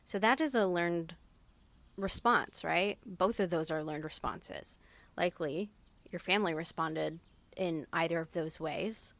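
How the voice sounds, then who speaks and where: A young woman with a slightly low voice talks gently and reassuringly. She is guiding a calm breathing meditation on her podcast, and her tone is soft and unhurried. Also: dry recording. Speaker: podcast host. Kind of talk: guided meditation talk.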